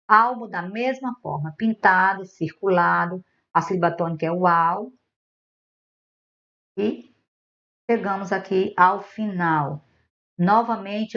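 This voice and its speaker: A woman teacher with a Brazilian Portuguese accent, giving a patient, methodical online lesson and going through words one by one. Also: on the low side. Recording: dull lo-fi recording.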